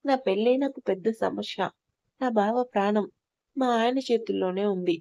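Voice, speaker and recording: A woman's voice: mid-range voice, moderate pace, vocal fry, no room sound, close to an everyday voice. A woman reading as an indignant young bride. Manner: sharp, indignant complaining. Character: young newlywed woman, tearful and angry. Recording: slightly dull lo-fi recording.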